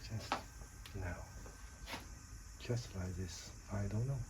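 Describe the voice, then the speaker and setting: A man, chatting in simple, halting English while he paints. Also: low voice, noisy background. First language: Chinese. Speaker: watercolor painter practicing English. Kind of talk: casual chat while painting.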